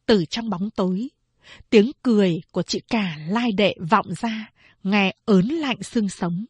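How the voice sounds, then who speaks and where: A woman narrating a novel in a steady, measured storytelling voice. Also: medium pitch, slightly rough, dry recording.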